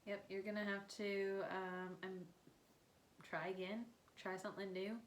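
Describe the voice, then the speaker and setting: A woman's voice: mid-range voice, level tone, unhurried. A woman co-hosting a casual podcast, reflective and encouraging. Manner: reflective, encouraging, asks pointed questions. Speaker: podcast co-host. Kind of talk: casual chat. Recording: echoey room with faint hiss.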